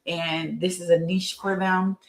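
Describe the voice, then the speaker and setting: Hosting an evening women's health session, a fifty-year-old woman explains things conversationally, mixing in personal anecdotes. She drives points home by repeating phrases and checking in with "right?" Her voice is lowish, unhurried, and mostly flat in pitch, with vocal fry.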